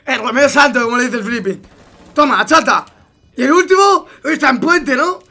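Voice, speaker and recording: A young man with a Spain Spanish accent, a gaming YouTuber reacting to gameplay, muttering low one moment and yelling loud, profane hype-caster calls the next. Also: expressive, moderate pace. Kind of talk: excited gameplay reaction commentary.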